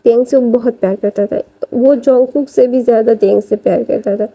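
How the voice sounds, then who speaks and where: A woman's voice: on the high side, steady tone, a little fast. A woman casually narrating a fan-fiction story, chatty, with many fillers and restarts. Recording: dull lo-fi recording.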